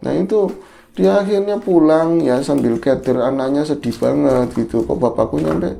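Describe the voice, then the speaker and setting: A man narrates a horror tale in relaxed chat, with a dark, mellow tone and a gravelly crackle in his voice. He keeps the story moving and checks in with his co-host as he goes. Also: on the high side, moderate pace.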